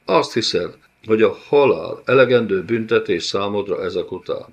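A man's voice: lowish voice, animated, slightly rough, dull audio. A man voicing a huge, cruel male beast-warlord in an audiobook, with a sneering, mock-tender way of taunting. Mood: gloating cruel. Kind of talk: audiobook character voice.

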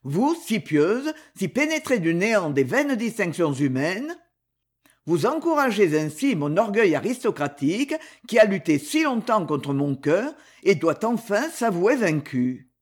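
A man's voice: high voice, sing-song, unhurried, exaggerated voice. A reader voicing a proud young male duke who earnestly pleads for a marriage, in an audiobook. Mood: pleading.

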